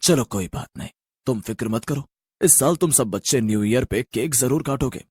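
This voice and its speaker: A man voicing a kind-hearted male ghost who soothes a crying child, gentle and fatherly, in an animated story. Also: mid-range voice, moderate pace, slightly rough, dry recording, clean studio sound. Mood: kindly.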